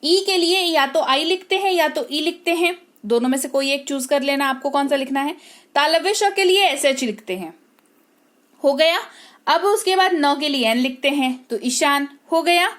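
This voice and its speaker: A woman teaching English spelling, speaking patiently, repeating words slowly and checking that her students follow. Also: sits high, a bit bright. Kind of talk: explaining spelling to learners.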